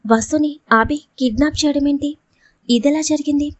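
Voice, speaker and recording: A woman's voice: sits high, normal speed, no room sound, lightly acted. A woman reading the lines of a frightened young woman who presses with anxious, pleading questions in an audio storybook.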